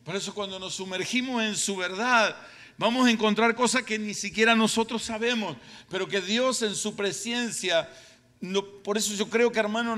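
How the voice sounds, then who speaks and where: A middle-aged or older man with an Argentine Spanish accent delivers an emphatic sermon, repeating phrases for effect. His voice is high and a bit bright, and the recording carries the reverberant sound of a hall.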